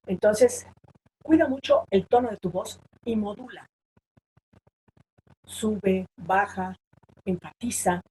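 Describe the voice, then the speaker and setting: A woman's voice: slow, long pauses, husky, rough recording. A woman giving a workshop on online presentations, talking emphatically and raising or dropping her voice to demonstrate her points. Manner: emphatic, shifts pitch and loudness to demonstrate points. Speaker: public speaking trainer.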